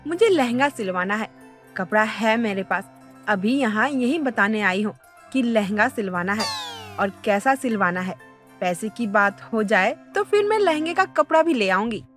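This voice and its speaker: A woman voicing a quick-tempered middle-aged mother in a cartoon story, haggling and indignant. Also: medium pitch, lively intonation, fairly bright tone, soft background music, natural voice. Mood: explaining.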